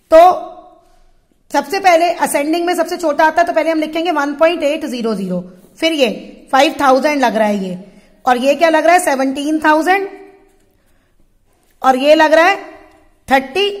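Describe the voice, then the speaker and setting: A woman's voice: high-pitched, in a large hall. A woman math teacher explaining a lesson step by step, asking her students questions and answering them herself. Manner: patient, asks and answers her own questions. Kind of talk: classroom-style tutorial explaining at a board.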